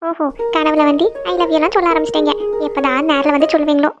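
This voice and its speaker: A woman's voice: sits high, fairly even intonation, fast talker, muffled recording, over loud music, close to an everyday voice. A woman voicing a young wife in a cartoon who misses her husband, speaking in an emotional, pleading way. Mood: longing. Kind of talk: cartoon voice acting.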